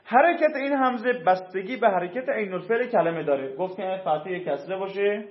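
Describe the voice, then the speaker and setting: High-voiced male teacher in an echoey room. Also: animated. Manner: reads a rule, then explains it in casual speech; asks the class questions and answers them. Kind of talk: classroom grammar lesson. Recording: echoey room, dull lo-fi sound.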